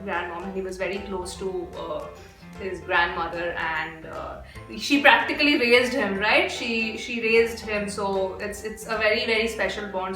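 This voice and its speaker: A woman's voice: medium pitch, bright, forceful tone. A young Indian woman with an Indian accent hosting a reaction video, gushing and exclaiming a lot as she comments. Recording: echoey room.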